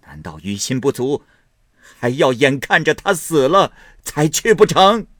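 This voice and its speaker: A furious old grandmother, stern and sneering, her voice climbing high and loud as she scolds her grown son, as a male storyteller puts her on. The delivery is dry and close, with lively swings in pitch. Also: a little slow, no room sound, full character voice. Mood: angry scolding.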